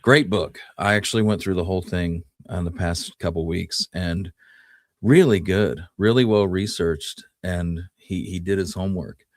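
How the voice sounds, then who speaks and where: This co-host of a Western history show has a low voice and a moderate pace, explaining events in a loose, conversational style. The sound is dry and studio quality.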